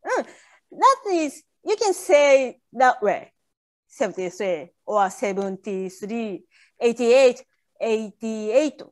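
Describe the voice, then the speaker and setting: A native Japanese woman with a Japanese accent works as a language tutor, guiding casually phrase by phrase in short turns with small acknowledgements. Her voice is a little high, animated and slow.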